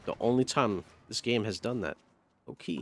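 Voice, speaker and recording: A man streaming a video game with very lively, swinging pitch. He chats to himself in casual, sweary slang and is prone to excitable outbursts. There is faint noise and game ambience behind him. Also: moderate pace, gravelly. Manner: profane, slangy, talks to himself. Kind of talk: casual live gameplay commentary.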